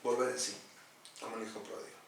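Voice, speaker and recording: A man's voice: on the low side, level tone, fast. A man, a pastor, teaching a Bible study in an earnest, explanatory way, repeating his key points. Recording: echoey room, distant mic, faint noise.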